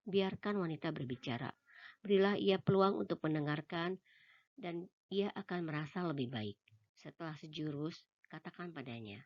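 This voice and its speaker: Lower-voiced woman reading a book aloud. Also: highs cut off. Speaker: book reader.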